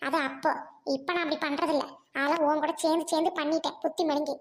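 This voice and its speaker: A woman's voice: sits high, fairly even intonation, fast. A woman playing a fierce, defiant village wife. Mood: angry. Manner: scolding, accusing, sharp retorts. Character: fierce village wife defying her scheming husband. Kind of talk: amateur family drama acting.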